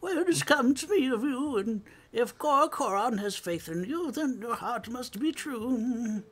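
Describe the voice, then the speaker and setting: A man voicing a solemn old male rock-creature elder in a slow, formal old-man manner, reading game dialogue aloud in character. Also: extremely high pitch, lively intonation, fairly bright tone, voice pushed up, exaggerated voice.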